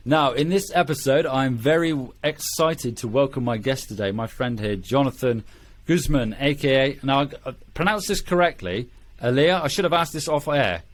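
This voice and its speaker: A man's voice: medium pitch, moderate pace. A man with a British accent hosting a music production podcast, chatty and prone to digressions, with frequent ums and restarts. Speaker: podcast host. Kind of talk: casual podcast interview.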